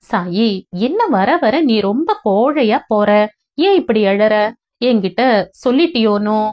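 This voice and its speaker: A woman's voice: a little high, big pitch swings, a little slow, muffled recording. Soothing young husband in an audio novel, patient and explaining, read by a woman narrator. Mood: reassuring. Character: gentle reassuring young husband.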